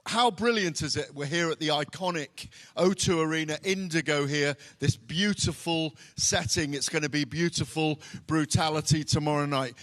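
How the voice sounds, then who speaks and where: A man conducts a sports interview, leading with upbeat, polished introductions. His voice sits somewhat high for a man. He is at an arena venue. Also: fairly bright tone. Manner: upbeat, scripted-sounding intros.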